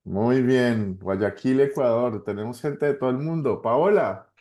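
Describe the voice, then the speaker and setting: A Colombian pastor casually hosts an online class on a video call, encouraging participants with short, repeated acknowledgements. His voice is medium-pitched, warm and a little slow.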